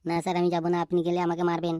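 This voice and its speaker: Guilty cartoon schoolboy, fearful and begging; woman voices him low-pitched, fast, dry sound. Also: completely flat delivery, warm tone, no echo, lightly acted. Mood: pleading. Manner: stammering, pleading, fearful. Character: timid, guilty schoolboy who stole. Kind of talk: cartoon voice acting.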